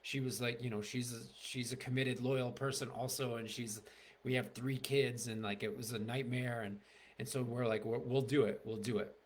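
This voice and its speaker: A man's voice: medium pitch, level tone, moderate pace, slight background noise. A middle-aged man, a marriage and family therapist, candidly telling a personal story to the camera, rambling with many fillers and restarts.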